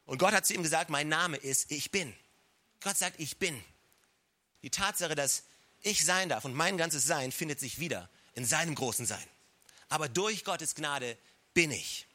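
A man preaching a sermon at a church service, speaking directly to his listeners and repeating lines for emphasis, sometimes dropping his voice low and soft to stress a point. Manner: drops to a low soft voice to stress key words. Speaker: pastor. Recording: live church recording.

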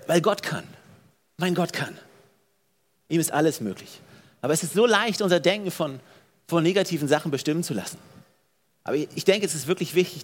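A man with a high voice preaches a sermon in a church. He throws questions out to his listeners and often restarts or repeats words. His phrases tend to sink to a soft, low finish. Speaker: pastor.

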